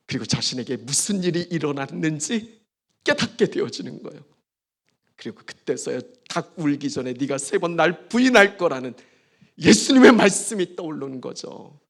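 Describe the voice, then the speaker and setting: A man preaching a sermon as pastor, emphatic, with dramatic pauses and swings between soft and loud delivery. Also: fairly high pitch, vocal fry. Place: church service.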